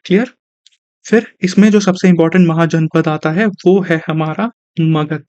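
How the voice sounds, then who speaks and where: A man's voice: on the high side, fairly even intonation, normal speed, darkish tone, dry recording. A young male teacher gives an online exam-prep lecture, mixing Hindi with terms and asking and answering his own questions. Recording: dry, slightly dull recording.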